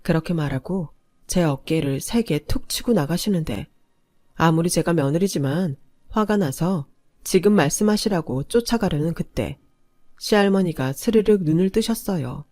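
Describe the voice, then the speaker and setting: A woman's voice: on the low side, lively intonation, moderate pace, warm tone, no room sound, studio quality. Woman narrating a first-person story.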